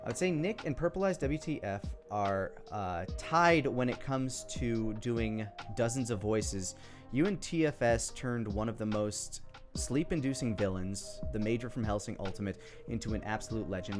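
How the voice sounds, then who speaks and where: Speaking at normal speed in a fairly low voice, a video creator in his thirties with an American accent offers rambling, casual commentary full of self-interruptions. Background music runs underneath.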